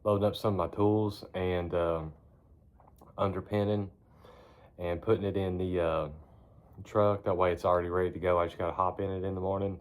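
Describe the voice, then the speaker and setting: A man's voice: low-pitched, flat delivery, fairly quick. A man chatting casually to his phone in a barn, rambling in a laid-back, folksy way with casual cursing. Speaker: vlogger. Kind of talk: casual rambling chat to camera.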